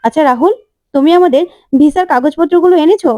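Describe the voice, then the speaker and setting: Titli, a headstrong young bride who snaps and scolds in a high, quick voice, as a woman storyteller puts her on. She sounds mellow and dry, as in a retold TV serial. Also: no echo, close to an everyday voice. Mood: coaxing, demanding. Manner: defiant, scolding, shouting demands. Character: headstrong young bride set on going abroad.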